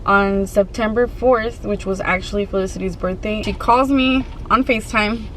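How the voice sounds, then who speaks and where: Woman vlogger just chatting to her viewers, storytime style, mid pitch, bit of noise behind her, lots of stop and start. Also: fairly even intonation, normal speed. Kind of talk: casual storytime chat to viewers.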